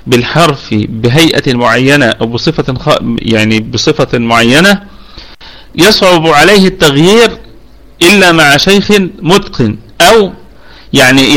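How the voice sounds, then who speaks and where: A man's voice: a little high, normal speed, fairly bright tone. A man with an Egyptian accent, patiently explaining Quran recitation rules in an online lesson, slipping between colloquial and formal speech. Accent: Egyptian Arabic.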